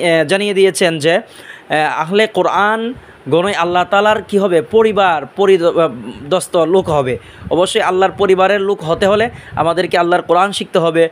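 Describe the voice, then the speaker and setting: A man teaching Arabic pronunciation, drawing out each letter sound slowly and explaining where the tongue and teeth go. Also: sits high. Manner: slow, drawn-out drill of letter sounds; explains mouth positions step by step. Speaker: Quran recitation teacher.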